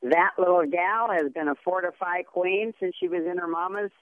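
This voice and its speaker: A woman's voice: lowish voice, moderate pace, no room sound. An older woman calling in to a radio show, chatty and effusive, on a clipped phone line that keeps breaking up. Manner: chatty, effusive, warmly praising. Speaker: radio call-in caller. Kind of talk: casual call-in chat. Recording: tinny phone line cutting in and out.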